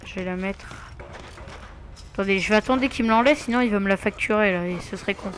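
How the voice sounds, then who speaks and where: A man's voice: high voice, fast, a bit bright, a little hiss or hum. A man giving casual gameplay commentary, muttering to himself with asides and mild swearing. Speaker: let's play gamer.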